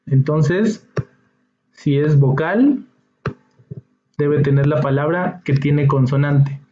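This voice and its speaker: A man's voice: a little high, slow pace, dark tone. A man teaching an English lesson, patiently explaining each step and checking in with his students. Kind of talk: slow classroom explanation. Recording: dull echoey room recording.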